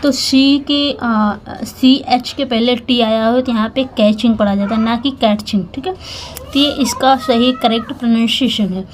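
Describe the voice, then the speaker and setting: Woman teacher, patient word-by-word explaining, somewhat high voice, faint hiss behind. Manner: slow, patient word-by-word explaining with many pauses and fillers. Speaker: English teacher. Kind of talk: Hindi-language English lesson reading a story.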